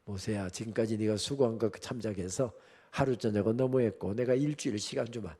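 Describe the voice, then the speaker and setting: A man voicing God, low and teasing. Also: brisk, mellow, slightly rough. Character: God speaking to Moses, teasing and firm.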